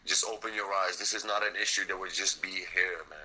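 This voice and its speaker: A man's voice: deep voice, steady tone, a little fast, pushed and bright, low-quality recording. A young man from Sweden, a frontline fighter talking as an interview guest, intense and blunt, swearing and saying "man" and "bro" all the time. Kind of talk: impassioned interview talk.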